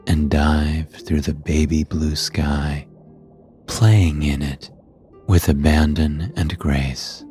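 Man, sleep story narrator, extremely low voice, calm and hushed, soft music behind. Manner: calm, hushed, unhurried guiding delivery.

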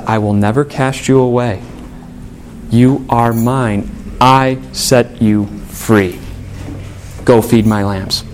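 A man preaching a sermon as a pastor, earnest, and dropping to a soft, low voice when quoting Jesus. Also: a little hiss or hum. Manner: earnest, drops to a soft low voice for quoted words.

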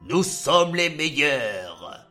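A man's voice: on the high side, sing-song, very slow, pushed and bright, faint music behind, full character voice. A man voicing proud, bragging legs in a children's story.

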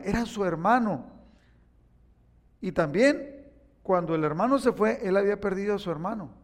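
A man preaching a sermon, telling stories animatedly and acting out the quotes. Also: high voice. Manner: animated storytelling with acted-out quotes. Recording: echoey hall reverb.

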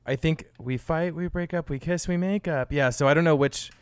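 A man's voice: on the high side, normal speed, smooth, dry recording. A man co-hosting a casual podcast, teasing and joking with his co-hosts. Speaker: podcast co-host.

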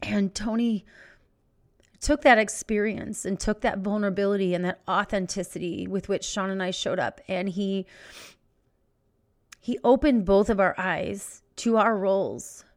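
A middle-aged woman hosting a podcast, telling a personal story in an emotional, halting way as she searches for words. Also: medium pitch, steady tone. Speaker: podcast host. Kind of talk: personal reflective monologue.

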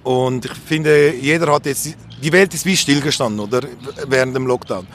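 Stopped on the street, a man from Switzerland with a Swiss accent reflects on his own life in a candid, colloquial, rambling way. His voice is mid-range and fairly bright at a normal speed, with faint outdoor noise behind him.

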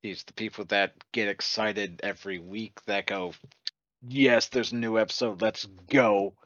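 A man with a lowish, bright, forceful voice co-hosts a casual, joking chat. His mic sounds a little dull and lo-fi, and the sound is dry. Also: steady tone, unhurried, no room sound. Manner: playful, joking. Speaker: channel co-host.

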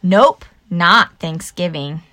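A woman podcast host telling stories to children in an animated, simple explaining way, recorded at home without a proper mic. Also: lowish voice, slow pace. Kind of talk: scripted children's storytelling podcast.

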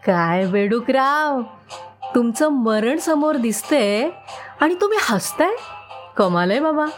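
A woman's voice: on the high side, sing-song, faint music behind. A woman voicing a greedy, gullible crow who speaks brashly and impatiently, in a children's storybook tale. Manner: brash, quick-tempered questions.

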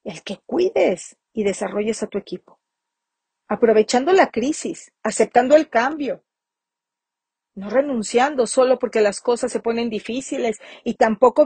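A woman's voice: fairly high pitch, darkish tone, slightly rough, no echo. A woman hosting a motivational business podcast, speaking emphatically and repeating phrases for stress. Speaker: podcast host.

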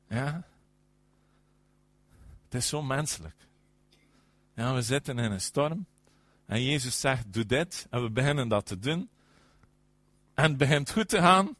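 A man preaching a sermon, emphatic, often affirming with "ja" and swinging between loud and soft. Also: medium pitch, no echo.

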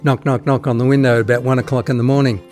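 A man's voice: mid-range voice, level tone, very fast, darkish tone, soft background music. An older man with an Australian accent, born in the Netherlands, chatting hesitantly about his life as a climate activist with lots of ums. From born in the Netherlands, raised in Australia. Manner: chatty, hesitant with many ums, laughs at his own stories. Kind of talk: casual storytelling. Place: outdoors on a street corner.

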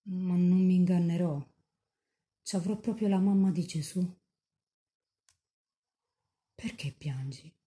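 A nun reading as a young mystic in rapture. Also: female voice, fairly low pitch, steady tone, takes it slowly, pauses often, dark tone. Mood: fervent pleading. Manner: fervent, tender pleading prayer. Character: young woman mystic in rapture, pleading with Mary.

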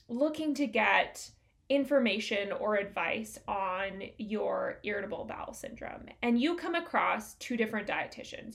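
A woman's voice: medium pitch, vocal fry, a bit bright. A woman hosting a solo business-coaching podcast, talking in an upbeat, conversational way with plenty of fillers.

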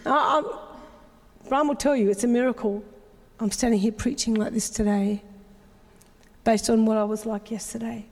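A woman's voice: a little high, fairly even intonation, normal speed, pauses often, darkish tone. A middle-aged woman pastor, preaching an emotional, confessional sermon full of repeated phrases. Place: church sanctuary. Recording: long reverb of a large hall.

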